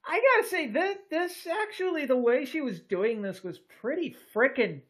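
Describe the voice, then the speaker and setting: A woman's voice: sits high, expressive, normal speed. A woman chatting casually as a podcast panelist, swearing freely and tripping over repeated words. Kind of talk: casual group chat.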